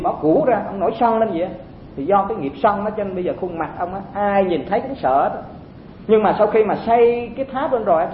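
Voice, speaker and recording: A high-voiced man gives a chatty dharma talk to a hall of monks and stops to ask them questions. The recording is roomy and echoing. It sounds thin, as over a phone line, with a faint rumble underneath. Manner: conversational, asks listeners rhetorical questions. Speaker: Buddhist teacher addressing monks.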